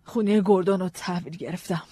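A woman with a lowish, mellow voice and a breathy edge plays a frightened, guarded wife in an audiobook drama, her intonation fairly even. She pleads hesitantly in an anxious mood, and the recording is dry with no echo.

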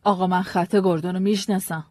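A woman's voice: fairly low pitch, steady tone, a little mellow, dry recording, lightly acted. A woman voicing a frightened, guarded wife who speaks hesitantly and pleads, in a dry audiobook recording. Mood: anxious. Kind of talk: audiobook drama reading.

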